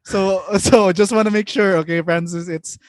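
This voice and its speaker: A man's voice: high-pitched, steady tone, moderate pace, no room sound. A man co-hosting a casual podcast, playful and teasing, with mock-dramatic reactions. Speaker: podcast co-host.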